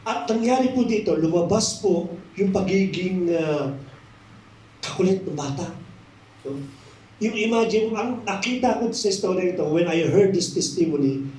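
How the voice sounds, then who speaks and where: A Filipino-accented man preaching a sermon in a high, mellow voice. He tells a story and drops into slow, emphatic phrases to stress key words. The sound is roomy and picked up from some distance across a church hall. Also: animated. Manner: mixes English into Tagalog, slows for emphasis. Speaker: pastor. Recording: echoey room, mic at a distance.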